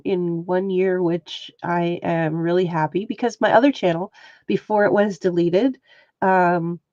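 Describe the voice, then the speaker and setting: A woman with a stuffy, sniffly nose hosts a casual crafting livestream, chatting with viewers by name while she shows her stitching. She's a textile artist with a mid-range, darkish voice. The recording is dull and has no echo.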